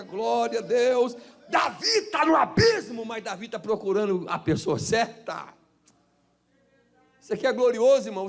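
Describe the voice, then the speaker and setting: A Brazilian pastor with a Minas Gerais accent preaches in a church, his voice sitting high for a man. He bursts into shouted praise, then drops to low, hushed asides in a fervent Pentecostal style. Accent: Brazilian Portuguese, Minas Gerais. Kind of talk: Pentecostal sermon.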